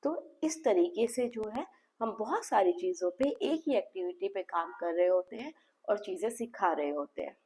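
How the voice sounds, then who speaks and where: A woman's voice: medium pitch, lively intonation, normal speed, a little mellow, a little hiss or hum. A woman speech therapist explaining therapy to parents, mixing phrases into her talk and acting out the dialogue of a session.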